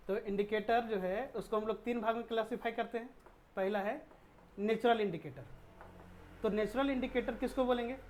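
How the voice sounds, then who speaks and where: A woman's voice: a little high, darkish tone, a little hiss or hum. A woman teaching a chemistry lesson who keeps asking rhetorical questions and answering them, with English technical terms mixed in. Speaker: science teacher. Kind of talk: classroom-style chemistry lesson.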